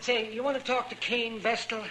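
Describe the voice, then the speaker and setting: A man's voice: extremely high pitch, level tone, normal speed, crowd noise. A man playing a fussy, matter-of-fact older American town doctor in a 1950s radio western. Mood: fussy, brisk. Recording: noisy vintage 1950s radio recording.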